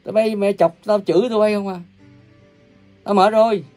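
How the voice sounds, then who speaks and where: A man preaching an angry, ranting sermon, cursing and scolding his listeners with coarse insults, his volume swinging from loud bursts to low mutters. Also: fairly even intonation, fairly quick, faint music behind. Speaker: self-proclaimed religious preacher.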